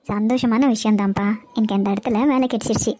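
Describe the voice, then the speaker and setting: A woman voicing a young woman in an animated cartoon, a dutiful daughter and loving aunt who talks in a warm, reassuring way. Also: medium pitch, fast talker, slight background noise, natural voice. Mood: gentle. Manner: warm, reassuring, plain speech.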